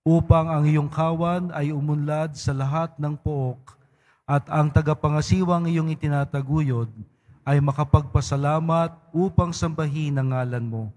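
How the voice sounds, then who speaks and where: Male priest, solemn measured recitation, higher voice, reverberant church. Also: fairly even intonation, a little mellow. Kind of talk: leading mass prayers. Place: large church.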